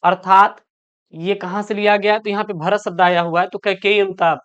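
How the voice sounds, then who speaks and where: A woman's voice: medium pitch, steady tone, smooth, highs cut off. A woman teaching an online exam-prep lesson. She calls her students "beta", reads each question aloud, often repeats it, then answers it. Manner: addresses students as "beta", quick and explanatory.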